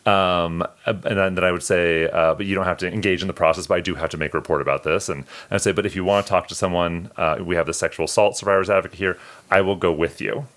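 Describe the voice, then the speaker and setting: A man's voice: sits low, fairly even intonation, fast, fairly bright tone. A man co-hosting a podcast, telling heartfelt personal stories in an earnest, emotional way. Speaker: podcast co-host. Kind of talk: casual podcast chat.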